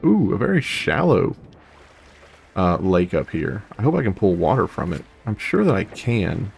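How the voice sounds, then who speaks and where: A man's voice: deep voice, very animated, normal speed, gravelly, a little mellow, soft background music. A young man casually chatting and rambling while playing a video game, humming to himself between thoughts. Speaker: gaming video host. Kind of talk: casual let's play commentary.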